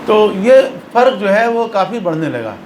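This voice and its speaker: A man's voice: high-pitched, big pitch swings, slight background noise. Man teaching a religious lesson, echoey room. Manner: explanatory, mixes English terms into speech; repeats phrases for emphasis. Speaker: religious lecturer.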